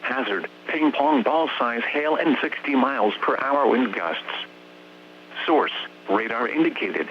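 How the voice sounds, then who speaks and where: This medium-pitched, computer-generated American man sounds animated yet a little slow. He delivers scripted weather warnings over a humming, dull radio signal with faint noise, his phrasing formal, clipped and evenly paced.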